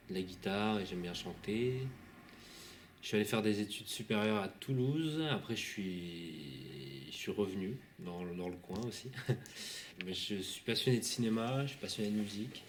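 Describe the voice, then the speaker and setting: A young man from southwest France introduces himself in a fairly low voice. He speaks in a relaxed, hesitant way. Faint background noise sits under him. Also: normal speed. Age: 20s.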